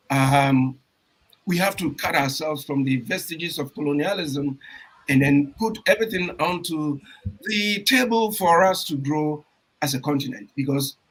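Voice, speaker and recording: Husky-voiced guy hosting a talk radio show, kinda high pitched, gets loud and excited, repeats himself a lot. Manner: emphatic, repetitive, with bursts of loud enthusiasm. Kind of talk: energetic radio show intro and interview. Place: Toronto.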